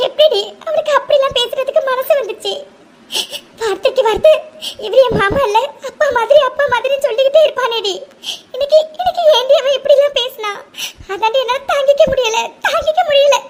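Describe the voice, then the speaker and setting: A woman voicing a tearful young woman, very high. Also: lively intonation, normal speed, a bit bright, a little hiss or hum. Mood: tearful, wounded. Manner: sobbing, pleading, high and thin. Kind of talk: cartoon voice acting.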